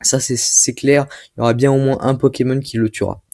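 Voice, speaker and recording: A man's voice: mid-range voice, fairly even intonation, fairly quick, creaky, darkish tone, no echo, studio quality. A young man talking through a game strategy tutorial, hesitant, with many filler sounds and restarts. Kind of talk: casual gameplay tutorial commentary.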